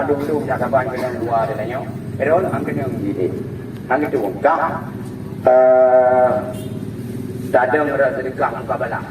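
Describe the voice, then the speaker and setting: Noisy, distant Acehnese street hawker, male. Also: medium pitch. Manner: joking, bantering with onlookers. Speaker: street medicine seller. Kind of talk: comic open-air sales pitch. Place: outdoors in a town square. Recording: distant, echoey, noisy outdoor recording.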